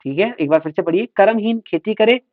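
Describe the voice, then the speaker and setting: Hindi exam teacher drilling vocabulary, lo-fi. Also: male voice, high-pitched, no echo. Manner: slow, drills words by repeating them for the class. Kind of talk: revision lesson for exam students. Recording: slightly dull, lo-fi sound.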